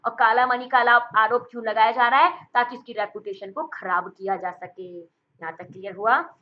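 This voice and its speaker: A woman's voice: fairly high pitch, highs cut off. A woman teaching vocabulary for exam prep, with playful memory tricks and jokes, calling her students beta and bhai.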